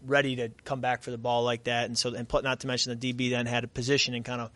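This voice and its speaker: A man answering reporters after a game, tired and catching his breath, measured with many fillers and restarts. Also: mid-range voice, level tone, sharp tone. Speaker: quarterback at press conference. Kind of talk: post-game press conference answers.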